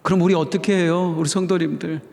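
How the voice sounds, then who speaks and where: A middle-aged man preaching a sermon as pastor, with emphatic swings between high exclamations and soft pleading. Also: steady tone, fast, gravelly. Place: church sanctuary. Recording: long church reverb.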